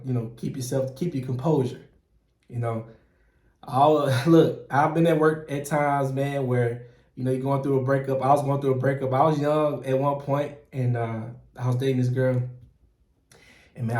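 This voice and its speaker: A middle-aged man from Mississippi, giving earnest, animated advice as a channel host in casual talk. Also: medium pitch. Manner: earnest and animated, frequent "man" and "you know", restarts, chuckles. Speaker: process operator and channel host. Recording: roomy echo.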